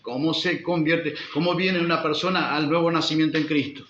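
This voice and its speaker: Man, pastor, emphatic sermon, fairly high voice, echoey church hall. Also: steady tone, normal speed, fairly bright tone, lo-fi sound, slight background noise. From Uruguay. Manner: emphatic preaching with rhetorical questions.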